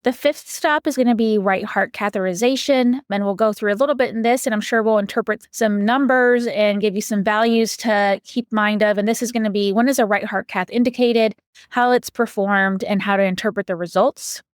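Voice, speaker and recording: A woman's voice: mid-range voice, fairly even intonation, brisk, no room sound, studio quality. A woman co-hosting a medical education podcast, a physician who walks listeners through a structured roadmap step by step. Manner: organized, lays out a roadmap step by step.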